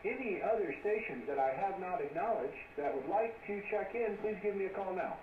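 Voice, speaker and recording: A man's voice: high-pitched, expressive, fairly quick. A man acting as net control on an amateur radio net, his voice coming through a ham receiver thick with static. He sounds distant and muffled, with an echoey ring. He talks easygoing and chatty, with lots of filler words. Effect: heard over a ham radio receiver with static.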